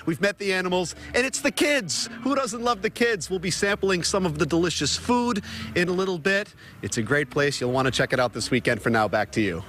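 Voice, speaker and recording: A man's voice: high voice, brisk, fairly bright tone. A man reporting live for a lifestyle TV show at an outdoor fair, joking playfully with the people he interviews. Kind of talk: live on-location TV segment.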